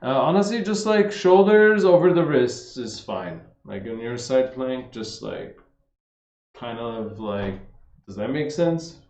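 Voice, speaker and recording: A man casually answering viewers' fitness questions on a livestream, relaxed and chatty, often saying "man" and "like". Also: medium pitch, takes it slowly. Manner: laid-back, says "man" and "like" a lot, reads questions aloud. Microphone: streaming setup. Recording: roomy, slightly dull livestream audio.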